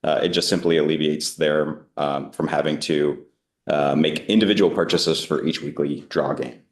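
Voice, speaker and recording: A man from a department answering committee questions, halting with many fillers. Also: extremely low pitch, steady tone, reverberant. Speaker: department official.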